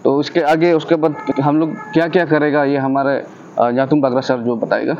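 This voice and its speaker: A man's voice: on the high side, little pitch movement, normal speed, a little mellow, lo-fi sound, a little hiss or hum. Hesitant man opening a press briefing. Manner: hesitant, with fillers, inviting people to a rally. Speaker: association representative. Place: outdoor rooftop terrace.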